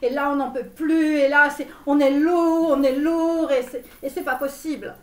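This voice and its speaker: A woman's voice: sits high, fairly even intonation, darkish tone, natural voice. A woman playing a grandiose Romanian-born American tarot guru in a parody reading, with a put-on Romanian accent and English words thrown in. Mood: pompous. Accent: put-on Romanian accent in French. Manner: grandiose, sprinkles English words, drawn-out phrases. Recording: roomy echo, mic far off.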